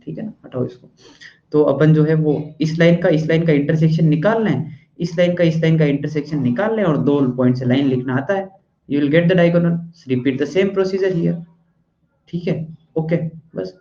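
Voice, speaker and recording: A man's voice: a little high, warm tone. Chatty male teacher in an echoey room. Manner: chatty, keeps asking "okay?" after each point; scolds the class bluntly at times. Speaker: math and physics teacher. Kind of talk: classroom lecture in Hindi-English mix. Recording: echoey room, dull lo-fi sound.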